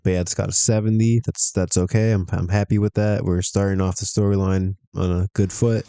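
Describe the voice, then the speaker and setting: A man's voice: sits low, little pitch movement, a little fast, mellow, clean tone, no echo. A man streaming a wrestling management game, chatting casually to himself, laughing often as he reacts to results. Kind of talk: casual gameplay commentary.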